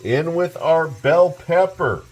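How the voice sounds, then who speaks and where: A man's voice: fairly high pitch, expressive, slow, darkish tone, muffled recording. Chatty man hosting a cooking video. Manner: chatty, keeps addressing viewers as guys. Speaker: cooking channel host. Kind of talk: casual cooking tutorial. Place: home kitchen.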